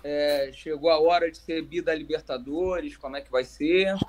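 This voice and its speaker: A man's voice: a little high, steady tone, normal speed, crowd noise. A Brazilian man chatting casually as a football podcast panelist, emphatic and repeating phrases for stress. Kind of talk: casual fan commentary.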